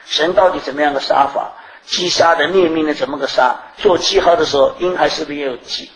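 A woman's voice: sits low, a little fast. Earnest woman preaching in a roomy echo. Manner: earnest, full of rhetorical questions and repetition. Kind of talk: sermon.

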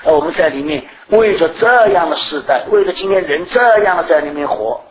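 A woman's voice: lowish voice, animated, fairly quick. A middle-aged woman preaching a sermon in an earnest way, often asking rhetorical questions and repeating herself. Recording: roomy echo.

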